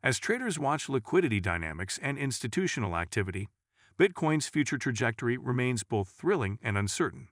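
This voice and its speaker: A man narrating scripted market news in an even, read-aloud delivery. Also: mid-range voice, a little fast, no echo, studio quality.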